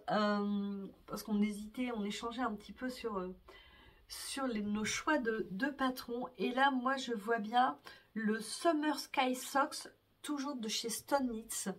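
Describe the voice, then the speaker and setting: Breathy, slow-talking woman podcast host. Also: on the high side, far from the mic. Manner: gushing, hesitant, with soft whispered exclamations. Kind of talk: casual show-and-tell chat.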